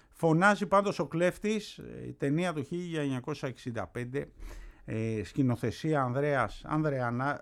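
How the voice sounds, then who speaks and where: Chatty male radio host. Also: a little high. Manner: chatty, lots of filler "έτσι". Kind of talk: casual chat, presenting a film clip.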